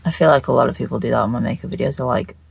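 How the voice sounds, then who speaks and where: Croaky as if just out of bed, this makeup creator talks to camera at a very fast clip with a medium pitch, swearing, rambling scatterbrained, and repeating phrases. There's no room sound in the recording.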